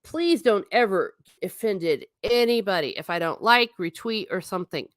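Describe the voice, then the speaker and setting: This livestream host has a mid-range, animated voice and a normal speed. In a clean studio recording without echo, she reads out viewer comments and responds in a blunt, chatty way, often going off on asides and restarting sentences.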